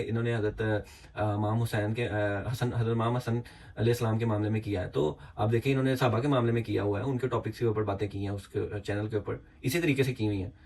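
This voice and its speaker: A man's voice: mid-range voice, a little mellow. A man giving heated reaction commentary, indignant and repetitive, with many fillers. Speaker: YouTube commentator.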